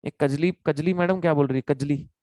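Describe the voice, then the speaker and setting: Male tutor, high voice, dry close sound, casual joking lecture. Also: fairly quick, dark tone, no room sound, low-quality recording. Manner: chatty, joking, addresses students as kids. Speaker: teacher.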